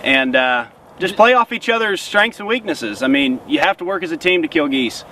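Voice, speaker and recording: A man's voice: on the high side, expressive, normal speed, pushed and bright. A man giving casual hunting instruction as one of a team of callers. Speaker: goose-calling instructor and hunter. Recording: slightly distant, faint outdoor noise.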